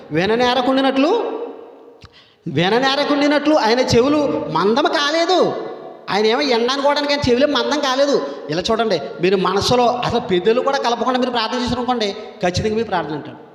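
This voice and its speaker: Fast, high-voiced preacher in an echoey hall. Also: male voice. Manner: asks the congregation rhetorical questions; conversational teaching with everyday examples. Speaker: pastor. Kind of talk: sermon.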